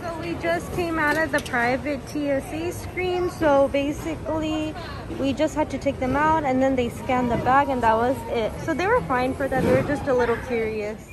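A woman's voice: high-pitched, normal speed. A woman chatting casually to a handheld phone camera in a travel vlog, full of fillers and cooing at her pets. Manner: chatty, filler-heavy, coos at the cats. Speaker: pet vlogger. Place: airport and rental car. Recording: noisy phone recording in transit.

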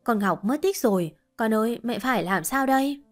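A woman's voice: on the high side, lively intonation, normal speed, faint music behind, lightly acted. Woman doing a grieving older mother, sobbing, pleading, audiobook. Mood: wailing.

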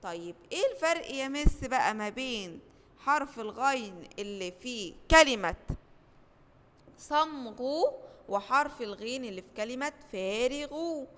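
High-voiced Egyptian woman teacher, echoey. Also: lively intonation, a bit bright, a little hiss or hum. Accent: Egyptian Arabic. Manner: asks questions and answers them herself, stretching out model words slowly. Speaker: primary school teacher. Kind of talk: recorded lesson for first graders.

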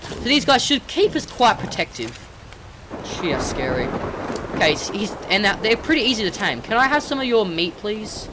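A host giving let's-play game commentary, excitable, scolding and coaxing the animals on screen, recorded at a desk mic. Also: medium pitch, moderate pace, heavy background noise. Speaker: gaming channel host. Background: game music.

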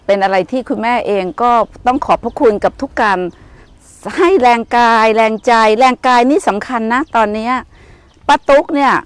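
An older woman leading a walking tour outdoors, explaining gently and motherly, calling the listener her child. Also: on the high side, moderate pace, dry recording. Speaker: meditation center leader. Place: outdoors on hillside grounds.

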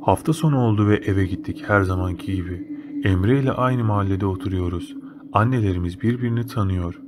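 Telling a horror story from his own perspective, this man speaks in a low voice at a fairly quick pace, keeping it slangy, casual, and matter-of-fact. Background noise is noticeable throughout.

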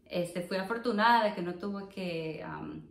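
A young Dominican woman from the Dominican Republic, a guest sharing her story in a casual interview, soft-spoken and hesitant. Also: on the low side, unhurried, creaky, reverberant. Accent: Dominican Spanish. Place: living room on a sofa, indoors.

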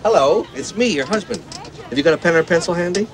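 An actor playing an excitable, fussy middle-aged husband who talks fast. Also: male voice, fairly high pitch, a crowd in the background, lightly acted. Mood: eager. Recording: film sound with background noise.

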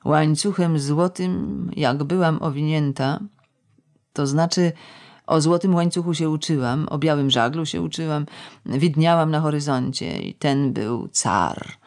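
A woman's voice: deep voice, a little mellow. Reader voicing a bitter, mocking tipsy woman. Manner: sardonic, ironic, with drawn-out slow words. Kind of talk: audiobook character reading.

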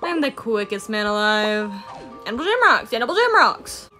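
A woman's voice: a little high, big pitch swings, normal speed, sharp tone, faint music behind. A teenage girl chatting playfully while recording a game video with her sister. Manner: playful, silly, giggly. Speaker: gaming video creator. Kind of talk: casual gaming chat.

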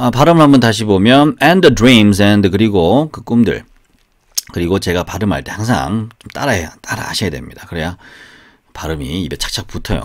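A man teaching English in a casual, chatty way, often asking rhetorical questions and repeating phrases. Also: on the low side. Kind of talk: casual spoken English lesson with sung examples. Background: guitar.

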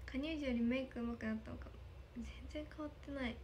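A woman's voice: high voice, fast, darkish tone, a little hiss or hum. A young woman in a casual livestream, reading viewer comments, thanking them often and giggling. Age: young adult. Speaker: idol livestreamer. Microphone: phone camera.

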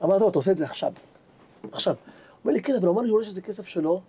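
A rabbi gives a Torah lesson, delivering a Hebrew sermon full of stories in a high voice against a noisy background. He tells his tale with animation, acting out both sides of a conversation.

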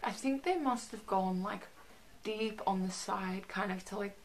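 A woman's voice: medium pitch, measured pace, slight background noise. A young woman chatting casually to camera in a rambling, hesitant way, her articulation a little restricted by a stiff jaw after surgery. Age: young adult. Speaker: vlogger. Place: small bedroom, indoors.

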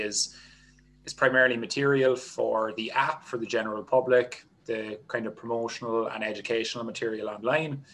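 A man with an Irish accent talks through his coaching work in a steady, explaining way, leaning on "kind of" as he goes. His voice sits a little low. He is heard through a headset on a video call from a small room at home. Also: low-quality recording. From Ireland. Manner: steady explanatory talk with many "kind of" fillers. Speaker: golf strength and conditioning coach.

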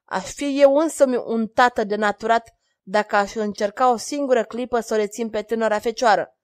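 A woman reading the part of a young knight who is calm and loyal and speaks in a grave, measured tone. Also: on the high side, close to an everyday voice.

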